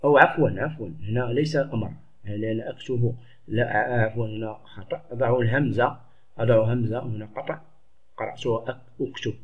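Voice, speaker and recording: A male teacher explaining a lesson to pupils, patient and explanatory, repeating words slowly. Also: medium pitch. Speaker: Arabic teacher. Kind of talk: classroom lesson. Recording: dull lo-fi recording.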